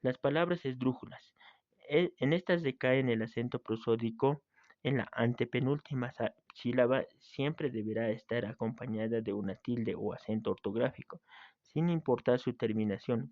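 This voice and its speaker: Male teacher, steady read-aloud grammar lesson, close dry mic, slightly dull sound, mid-pitched. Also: moderate pace, dry recording. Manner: reads steadily from a text, with small slips and restarts.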